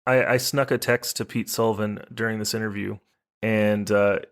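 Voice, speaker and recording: A man with a low voice hosts a casual interview. He is relaxed and lets his questions wind on at length. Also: moderate pace. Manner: relaxed, asks long winding questions. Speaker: podcast host.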